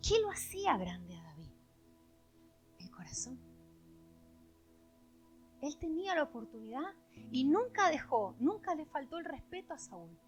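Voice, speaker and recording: A woman pastor with an Argentine accent preaching a sermon, swinging dramatically between loud declarations and hushed lines. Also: high voice, very animated, moderate pace, faint music behind. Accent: Argentine Spanish.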